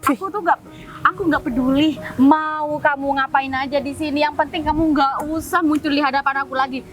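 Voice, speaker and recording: A woman's voice: sits high, fairly even intonation, fairly quick, soft background music, natural voice, poor audio. An actress playing an arrogant, scornful young woman who sneers at her ex-boyfriend in a web drama, recorded outdoors. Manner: sneering, scolding, dismissive. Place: outdoors in a public place.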